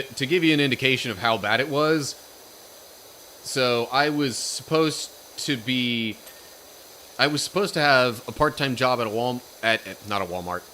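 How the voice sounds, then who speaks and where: A man's voice: medium pitch, pushed and bright, a little hiss or hum. A young man from Pennsylvania, chatting casually on a live stream, telling a rambling story and reading chat comments aloud.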